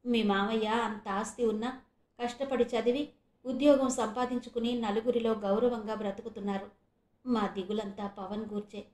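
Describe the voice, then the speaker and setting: A weary middle-aged mother, played by a woman reader, pours out her sorrow in a lamenting tone. Her voice is fairly high, recorded in a roomy space. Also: steady tone, moderate pace, a little mellow, natural voice. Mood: sorrowful.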